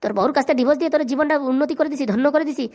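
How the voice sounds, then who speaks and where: A voice actor playing a grumpy, bossy middle-aged village husband in a cartoon comedy, shouting and scolding. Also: high-pitched, very fast, lightly acted. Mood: angry.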